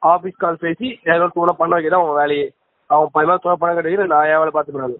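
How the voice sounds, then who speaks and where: A man's voice: on the high side, steady tone, fast talker, dry recording. Curt man on a dry phone line. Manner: curt, dismissive, keeps saying remember that and madam. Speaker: scheme recruiter on a phone call. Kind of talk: phone call. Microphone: phone call recording.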